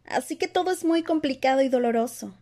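A woman's voice: high-pitched, animated, brisk, warm tone, pitched above the performer's own voice. A woman voicing a clever, bossy teenage schoolgirl in a dramatized audiobook reading, earnest and patiently explaining.

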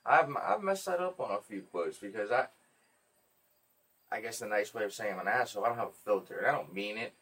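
A man hosting a podcast, telling stories in a casual, profane, animated way. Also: lowish voice, fairly quick, slightly rough, distant mic. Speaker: podcast host.

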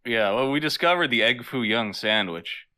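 A man's voice: medium pitch, animated, moderate pace, pushed and bright. A man co-hosting a podcast, teasing his partner and laughing easily in casual chat. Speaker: podcast co-host.

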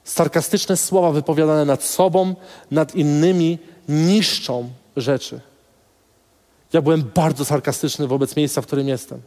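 A man's voice: a little high, steady tone, unhurried, mellow, big-room sound. A male pastor preaching a sermon, telling a personal story in an earnest way and speaking straight to the congregation.

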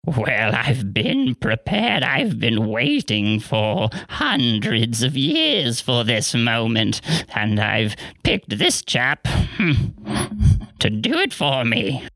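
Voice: mid-range voice, wildly swooping pitch, slow, gravelly, fairly bright tone, no echo, heavily acted. A performer playing Rumpelstiltskin, an ancient male imp who speaks grandly, with archaic words and a sing-song delivery. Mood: theatrical. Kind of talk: in-character interview.

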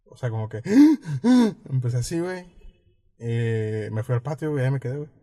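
Mellow-voiced Mexican man telling stories. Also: mid-range voice, quick pace. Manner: rambling, slangy, fills nearly every phrase with "güey". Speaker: podcast co-host. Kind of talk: casual storytelling chat.

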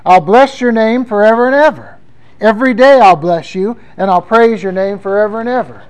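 High-voiced male pastor preaching. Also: normal speed, clean tone, low-quality recording. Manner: conversational preaching, reading scripture aloud with emphasis. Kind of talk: sermon.

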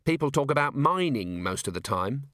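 A man's voice: medium pitch, sing-song, normal speed, a bit bright, no echo, clean studio sound. A man voicing an earnest, timid young female dwarf in a raised, hesitant voice. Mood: earnest, fretful.

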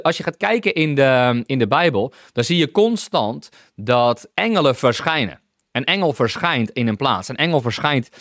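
A man leads a Bible teaching session with open enthusiasm, stopping to restart sentences and calling out hallelujah along the way. His voice sits at an ordinary middle pitch. The sound is close and dry, with no room echo. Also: fairly bright tone. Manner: enthusiastic, exclaims hallelujah often; many restarts while reading and explaining scripture.

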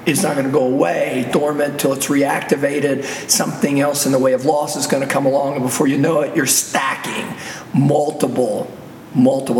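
Gravelly, hoarse man in an echoey room. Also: mid-range voice, a little mellow. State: hoarse, recovering from laryngitis. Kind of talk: religious talk radio conversation. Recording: roomy, echoey, distant, faint noise.

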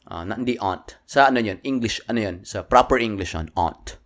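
A man's voice: fairly low pitch, normal speed, a bit bright. A man with a Filipino accent chatting casually as a podcast co-host, teasing and laughing, switching between Tagalog and English. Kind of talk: casual chat.

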